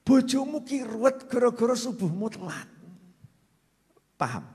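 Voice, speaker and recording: A man preaching a lively sermon with a Javanese accent, quizzing his congregation with questions. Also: very high voice, unhurried, breathy edge. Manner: animated, quizzes the audience with questions. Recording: long hall reverb.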